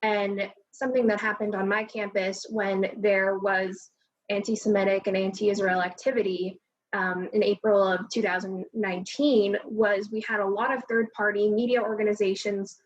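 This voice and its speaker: A woman's voice: medium pitch, little pitch movement, normal speed, poor audio. A young woman speaking as an alumna on a panel discussion, earnest and organized, over a video call.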